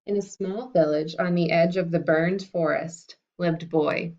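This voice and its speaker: A woman teacher talking to fifth graders and reading a picture book aloud in a friendly, unhurried way. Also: on the low side, steady tone, a little mellow. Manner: friendly and unhurried, with some fillers. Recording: dull lo-fi recording.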